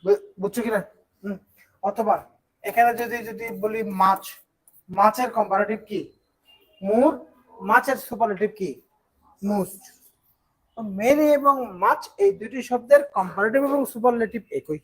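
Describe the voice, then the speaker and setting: A teacher from Bangladesh teaches English grammar in an online class. The voice sits at a middle pitch and moves patiently through each point. Quick rhetorical questions keep the students following along. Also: husky, low-quality recording. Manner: explains step by step, asks rhetorical check questions.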